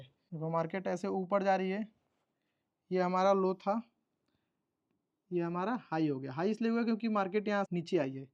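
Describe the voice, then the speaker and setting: In a recorded trading-course lesson, a man explains a chart step by step, repeating terms and checking that listeners follow in a teacherly, repetitive way. His voice sits high with a darkish tone, and the recording is muffled.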